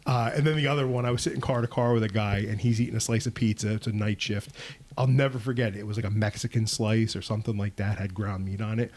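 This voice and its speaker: A man's voice: lowish voice, fast talker. A man hosting a podcast, a police officer telling funny stories in a casual chat and laughing at himself. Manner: animated, laughs at his own stories.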